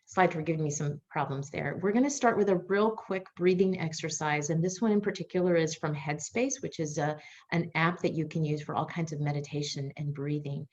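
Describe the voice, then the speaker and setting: Woman, webinar host, friendly and conversational, low voice, muffled computer-mic audio. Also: fairly quick, darkish tone. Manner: friendly, conversational and a little rambling. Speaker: nonprofit executive director hosting a webinar. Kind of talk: webinar presentation.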